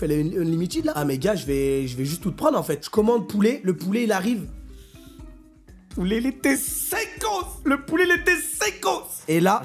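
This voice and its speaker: Jeune homme conteur survolté, argot français. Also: male voice, fairly high pitch. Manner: slangy, jokey, acts out people with shouted bursts. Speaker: streamer telling travel stories. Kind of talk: animated storytelling on a live stream. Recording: faint music behind.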